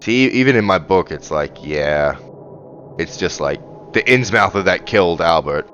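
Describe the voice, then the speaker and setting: Low-voiced man playing and commentating. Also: animated, normal speed, fairly bright tone, lo-fi sound, a little hiss or hum. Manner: thinking aloud. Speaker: gamer, let's play host. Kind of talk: casual game commentary. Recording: music under the voice.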